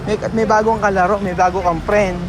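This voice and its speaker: A man's voice: sits high, level tone, fairly quick, background noise. A man from the Philippines vlogging in casual chat, playful and coaxing, often stopping and restarting his words.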